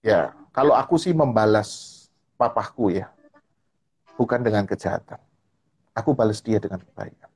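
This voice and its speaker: Male guest, husky voice, animated storyteller on a live-stream chat. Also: fairly low pitch, moderate pace, pauses often. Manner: animated storytelling, repeats "gitu kan ya". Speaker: guest speaker. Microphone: live-stream call. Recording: online live-stream audio.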